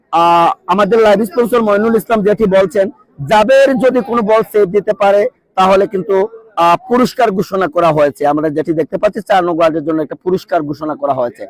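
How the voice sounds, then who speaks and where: A man calls a local penalty shootout live from an outdoor ground. He keeps repeating players' names and nicknames, and he breaks into shouts each time a goal goes in. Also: high-pitched, poor audio. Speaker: football commentator. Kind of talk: live sports commentary.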